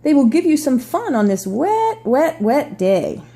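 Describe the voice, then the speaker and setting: A mischievous storybook tomcat, read aloud by a woman, mellow and coaxing. He is breezy and playful, a smooth talker. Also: high voice, very animated, unhurried, full character voice. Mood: reassuring, playful.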